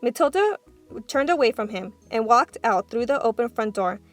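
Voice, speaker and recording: With faint music behind her, a woman whose voice is on the high side reads a children's book aloud at a moderate pace, using an expressive storytelling style.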